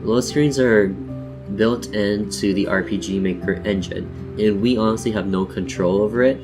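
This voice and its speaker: With music in the background, a lowish-voiced man takes his time hosting a casual instructional screen-share. He's jokey and playful, talking to "you guys" as though chatting while explaining each step.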